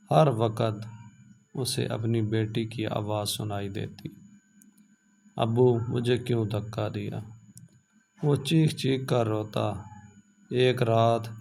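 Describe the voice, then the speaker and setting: A man's voice: fairly low pitch, gravelly, a little mellow, a little hiss or hum. A man narrating a moral story in an earnest, pleading preacher tone.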